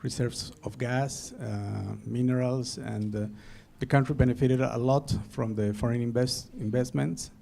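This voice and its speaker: Gravelly, hesitant middle-aged law professor. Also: male voice, mid-range voice, steady tone, measured pace, hardly any pauses, dark tone. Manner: hesitant, many fillers. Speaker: law professor and partner, panelist. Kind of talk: panel presentation.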